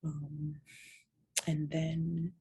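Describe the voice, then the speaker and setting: A woman's voice: deep voice, monotone, extremely slow, warm tone, breathy edge. A woman candidly recounting a personal story, reflective and self-mocking.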